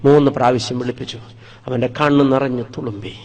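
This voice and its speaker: A man's voice: mid-range voice, fairly even intonation, a little fast, darkish tone. A man from Wayanad in Kerala, a priest preaching a sermon, telling his own life story dramatically and acting out the scenes.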